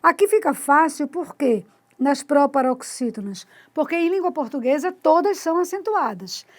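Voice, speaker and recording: A woman with a high, light voice gives a casual grammar lesson. She talks through her examples step by step as she points to them, and often checks in with her viewers through short tag questions. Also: darkish tone. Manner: explains step by step, points at a board. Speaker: Portuguese teacher.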